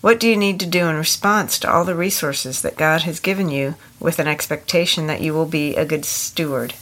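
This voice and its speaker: Older woman, podcast co-host, low voice, steady, exhorting. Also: brisk.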